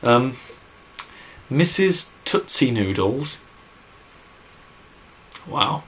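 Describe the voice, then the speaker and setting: Extremely slow yet very animated, a young man speaks at medium pitch with a slightly bright tone. He hails from near Birmingham, England, has a mild Midlands accent, and is doing a casual vlog Q&A answering viewers. Rambling and filler-heavy with many "like"s, he owns up to it.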